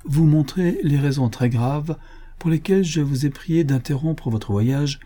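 A man's voice: a little high, measured pace, warm tone, voice pushed up. A man voicing a formal male deputy prosecutor in an audiobook, speaking in a stiff official way. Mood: stern.

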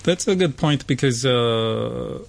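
A man's voice: mid-range voice, expressive, slow pace, gravelly. A man from South Korea, a native Korean speaker, talking about his art as a guest in a radio interview, with many fillers and restarts. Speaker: artist guest.

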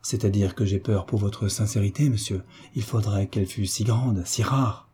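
Man reading as earnest young heiress, shy but frank, deep dark voice, husky. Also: steady tone, normal speed. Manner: earnest, hesitant questioning.

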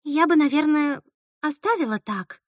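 A frightened teenage girl, played by a woman reading an audiobook, murmurs in a high, timid, halting voice. The sound is close and dry, with no room around it. She holds back rather than raising her voice. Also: expressive, fairly bright tone, no echo, heavily acted.

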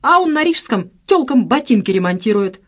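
A hot-tempered young gangster, as a woman reader puts him on, angry and scolding, full of coarse slang. The voice swings up and down in lively pitch. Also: brisk, breathy edge, full character voice. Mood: indignant.

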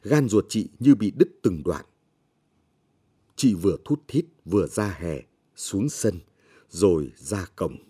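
A man narrating a short story in a slow, measured, somber reading. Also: deep voice, lively intonation, warm tone, slightly rough. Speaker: audiobook narrator.

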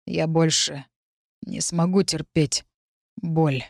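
A woman voicing a wounded young man, weak and tender, his voice dropped lower and slowed as he forces out halting words through pain. The audiobook reading is close and dry. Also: animated, vocal fry, mellow, dry recording, full character voice. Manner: slow, strained, halting.

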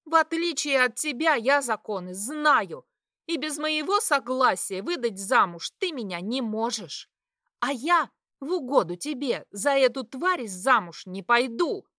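A rebellious young woman, an art student, shouting back high and fierce at her parents, played by a woman reading an audiobook. The voice is bright and pitched up. The sound is dry with no room. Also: expressive, measured pace, no echo, heavily acted. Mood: furious. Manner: high, shouting, tearful defiance.

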